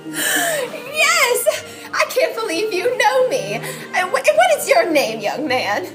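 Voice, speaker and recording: A very high-voiced, motherly woman chef acted by a woman for a comic detective audio drama. She is flustered and effusive, stretching her exclamations slowly and swooping up and down over music. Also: very animated, heavily acted, rough recording. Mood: delighted. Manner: effusive, exclaiming, drawn-out delivery.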